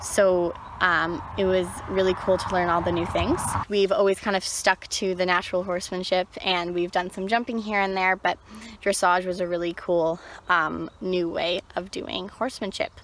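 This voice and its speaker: A woman's voice: on the low side, level tone, moderate pace, noisy background. A woman rider giving a personal, informal recap of her own experience. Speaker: horse rider. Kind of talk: personal recap of a riding clinic.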